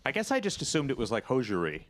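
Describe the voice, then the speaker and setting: A man's voice: medium pitch, huge pitch swings, quick pace. A middle-aged man hosting a radio session, chatting casually with a band in a rambling, wry, joking way. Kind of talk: casual interview chat.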